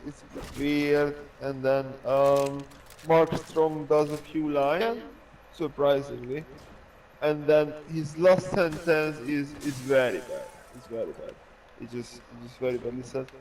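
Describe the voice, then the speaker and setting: A man's voice: fairly high pitch, slow pace, darkish tone, far from the mic, a little hiss or hum, low-quality recording. A man with a Hungarian accent, chatting casually as a podcast co-host and rambling with many restarts and fillers. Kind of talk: casual chat.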